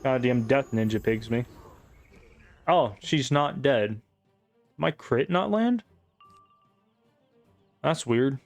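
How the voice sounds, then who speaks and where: A man's voice: medium pitch, animated, slow pace, long pauses, no room sound, faint music behind. A man giving casual, rambling gameplay commentary, sarcastic and full of swearing. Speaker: gamer.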